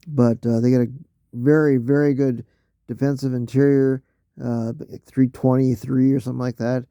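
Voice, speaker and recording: A man who is losing his voice talks casually through a solo mock draft, halting, using fillers and often clearing his throat. His voice is medium-pitched and warm with a flat delivery, and the recording is dry and muffled.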